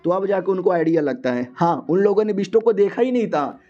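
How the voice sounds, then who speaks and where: A man casually narrating a story recap, chatty and loose, slipping English words into his speech. His voice sits a little high with a mellow, dark tone. The recording is dull and lo-fi. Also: expressive, fairly quick, faint music behind.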